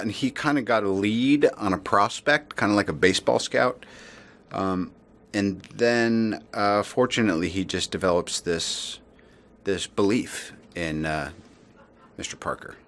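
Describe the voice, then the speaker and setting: A man explaining a story point in an interview, measured with some hesitation. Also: fairly low pitch, a bit bright.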